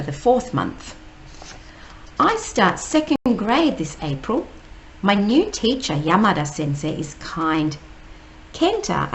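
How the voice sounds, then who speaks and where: A woman teacher, reading a picture book aloud slowly and explaining each word. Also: lowish voice, a little hiss or hum, low-quality recording. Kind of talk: read-aloud storytime.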